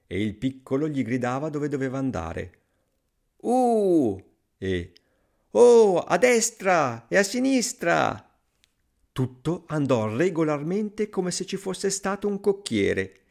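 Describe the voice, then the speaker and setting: Brief: male fairy-tale narrator, expressive and lilting, gravelly tone. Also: mid-range voice. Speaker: storyteller.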